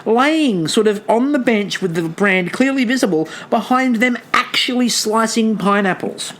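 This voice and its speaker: A woman's voice: a little high, animated, unhurried. A woman with a New Zealand accent co-hosting a casual comic review, bantering wryly and swearing freely. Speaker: podcast co-host.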